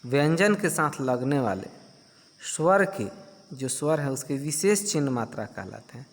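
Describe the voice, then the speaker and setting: A man's voice: medium pitch, big pitch swings. A male teacher giving a grammar lesson to children, patiently asking questions and answering them himself. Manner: slow, patient explaining. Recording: long hall reverb.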